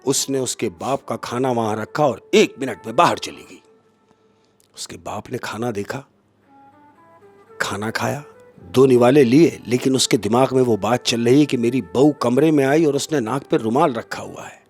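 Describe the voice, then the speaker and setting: A man telling a comic story as a podcast guest, in an expressive way and often turning to the host. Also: medium pitch, normal speed, faint music behind.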